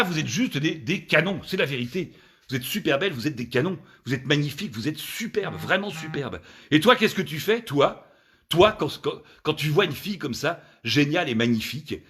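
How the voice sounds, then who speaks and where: A man doing a solo stand-up show at home, animated and exaggerated, piling up repeated words. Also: medium pitch. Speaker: comedian.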